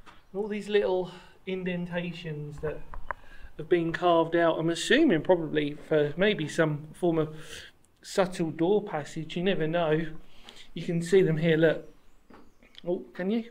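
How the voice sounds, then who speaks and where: A history explorer in his thirties, voice pitched a little high, records a walking vlog as he moves through a sandstone cave and nearby woodland, camera held out at arm's length. His talk is rambling and full of enthusiasm, and he sometimes halts partway through a thought to fix what he said. He sounds openly delighted with the spot.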